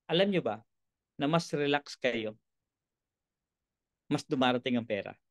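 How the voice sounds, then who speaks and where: Guy running a sales seminar, jokey, keeps asking why and right, flips between loud bits and quiet asides, mid pitch, dry close sound. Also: unhurried, no room sound. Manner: lively, joking, keeps asking "bakit?" and "di ba?". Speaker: business trainer. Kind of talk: motivational sales seminar talk.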